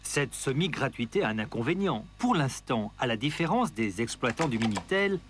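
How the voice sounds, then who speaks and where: A man reading scripted documentary narration in a measured, explanatory way. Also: mid-range voice, very animated, background noise. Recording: voice-over with music bed.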